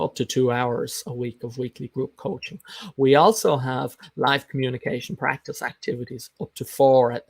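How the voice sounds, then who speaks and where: A man with a medium-pitched, creaky voice coaches English learners in an informal live lesson, with no room sound. He explains emphatically and instructively, repeats his key points, and answers comments as he goes.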